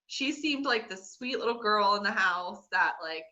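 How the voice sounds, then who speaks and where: A woman's voice: mid-range voice, lively intonation, moderate pace, pushed and bright, lo-fi sound. A woman with a Nova Scotian Canadian accent co-hosting a podcast, chatting casually in a rambling, gossipy recap. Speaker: podcast co-host.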